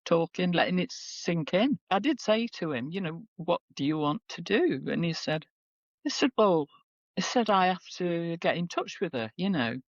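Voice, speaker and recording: A woman's voice: lowish voice, lively intonation, moderate pace, no echo. A woman in her seventies, a guest recounting a family story in casual conversation. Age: 70s. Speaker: guest, the stepmother. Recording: dull lo-fi sound.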